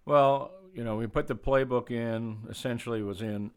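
A man who coaches football, answering interview questions in a relaxed, plainspoken way with many fillers. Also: mid-range voice, moderate pace, smooth. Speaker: high school football coach.

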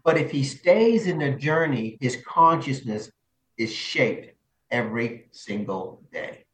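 A man coaching and co-hosting, telling stories in a casual chat, animated and laughing often. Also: mid-range voice, slow pace, roomy sound, far from the mic, slight background noise. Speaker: coach and podcast co-host.

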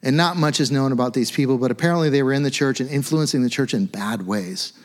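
A man's voice: medium pitch, quick pace. A middle-aged man preaching a sermon as a pastor, fervent and exhorting, in an informal, conversational way with repeated phrases for emphasis.

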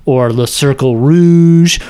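A man co-hosting a podcast about movies, chatting casually and joking, quick to laugh. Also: medium pitch, clear, resonant tone, no echo. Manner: animated, joking, laughs often. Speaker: podcast co-host.

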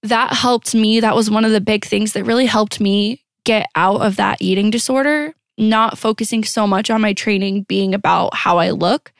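A woman's voice: mid-range voice, fairly even intonation, moderate pace, creaky, hardly any pauses, no room sound, clean studio sound. Candid young woman telling her story. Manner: candid, self-deprecating, with many restarts. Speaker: vlogger. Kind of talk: personal storytelling to camera.

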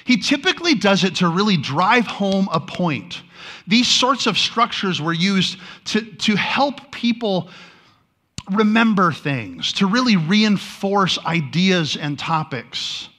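A man's voice: high-pitched, animated, slow pace, sharp tone. A man preaching a teaching sermon in a conversational way, often restarting his sentences and adding wry asides to the congregation. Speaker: pastor.

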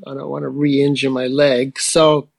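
A man's voice: medium pitch, flat delivery, measured pace, gravelly, no echo. A middle-aged man, a frame-building teacher, explaining his work thoughtfully in a conversational interview, with hesitant restarts.

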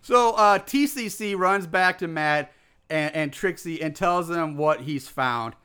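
A man co-hosting a podcast, retelling a movie in a halting, informal way. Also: on the high side, pushed and bright, clear, resonant tone. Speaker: podcast co-host. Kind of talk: casual movie recap chat.

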